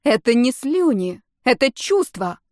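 A woman reading a story, voicing a jealous, stubborn young woman in love with a raised, louder voice. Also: a little high, animated, normal speed, no room sound, clean studio sound, lightly acted. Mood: indignant. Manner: teasing and stubborn.

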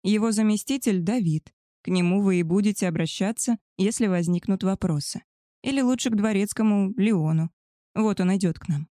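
A woman voicing a composed male werewolf who explains the house rules in a measured, formal way. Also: medium pitch, warm tone, no echo, clean studio sound, natural voice.

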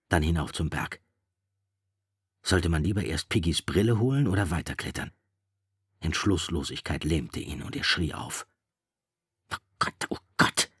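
Deep husky male narrator. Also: no room sound, studio quality. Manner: measured, steady storytelling. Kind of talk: scripted narration of a novel.

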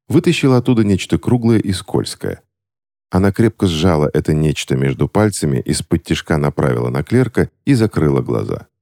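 A man narrating a fantasy novel as an audiobook reader, with expressive storytelling. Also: very deep voice, no echo, studio quality.

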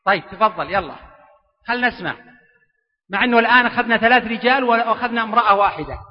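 A man preaches in a very high, rapid voice. He jokes with the audience and coaxes them to respond, and the sound is muffled and echoes through a long hall. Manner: animated, joking, coaxing the audience. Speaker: preacher giving a public lecture. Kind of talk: lively interactive religious lecture. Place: large lecture hall with an audience. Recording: dull, echoey lecture hall recording.

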